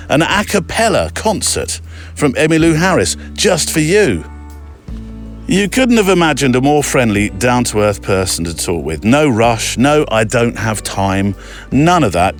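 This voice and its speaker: A man hosting a podcast, reading a listener's letter aloud in a chatty, digressive way with quick asides. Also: mid-range voice. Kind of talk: casual storytelling read-aloud.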